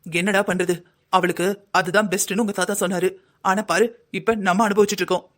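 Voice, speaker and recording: A man's voice: high-pitched, level tone, quick pace, fairly bright tone. A man voicing a worried middle-aged mother in a Tamil cartoon drama, talking earnestly at length. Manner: earnest, lecturing.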